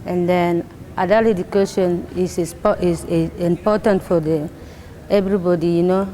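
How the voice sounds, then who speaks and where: A woman from South Sudan with a South Sudanese accent, an adult education student who speaks English as a second language, talking haltingly about her classes and repeating words as she searches for them. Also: lowish voice, steady tone, warm tone. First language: not English. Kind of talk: interview testimony.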